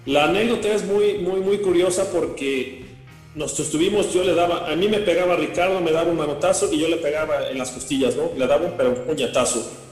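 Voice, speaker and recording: A man with a Mexican accent telling a lively, jokey anecdote from an earlier episode. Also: fairly high pitch, fairly quick, soft background music. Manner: animated, jokey storyteller. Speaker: former footballer, archived guest. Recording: clip replayed, roomy echo.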